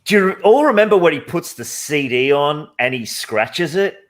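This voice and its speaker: A man's voice: on the high side, animated, moderate pace. A man, a guest artist, telling a rambling story in casual chat. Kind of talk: casual chat on a video call.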